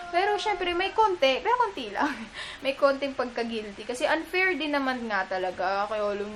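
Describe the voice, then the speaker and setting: A high-pitched young Filipina mother chats straight to her camera, giggling and wandering through a story as she goes. She talks loosely, like a friend who keeps losing her thread. There is a steady hiss of room noise behind her. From Philippines. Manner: chatty, giggly, rambling. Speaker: mom vlogger. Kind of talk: casual storytelling vlog. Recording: noisy room ambience.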